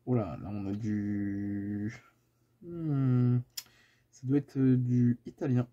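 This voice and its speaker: A man with a French accent calmly reads card names aloud as he sorts a collection. His voice is very dark and mellow, and he takes an unhurried pace. The recording sounds a little dull and lo-fi. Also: medium pitch. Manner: reels off card names one after another. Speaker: card collector listing cards. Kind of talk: casual card-sorting vlog.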